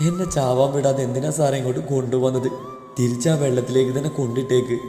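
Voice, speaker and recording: A man's voice: mid-range voice, steady tone, fast, mellow, close to an everyday voice. A man voicing a despairing young woman who speaks in a choked, hopeless way, in a story reading. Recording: echoey reverberant audio with music.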